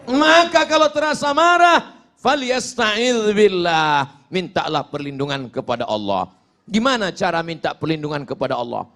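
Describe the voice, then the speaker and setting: A man preaching a sermon, joking, dropping from shouted emphasis to low asides and chanting Arabic quotes. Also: expressive, normal speed.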